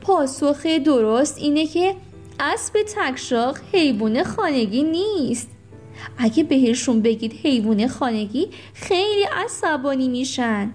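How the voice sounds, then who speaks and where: A woman with a high, light voice reads a children's bedtime story gently, now and then breaking off for a small aside. Faint music plays under her. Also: lively intonation.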